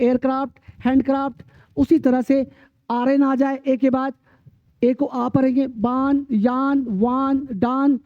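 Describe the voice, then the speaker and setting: A male teacher with a Bihari Hindi accent takes students through English pronunciation drills, pausing on each word and repeating it. His voice sits high and his pace is unhurried. It was recorded dry and close, with a dull lo-fi sound. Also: no echo. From Bihar, India.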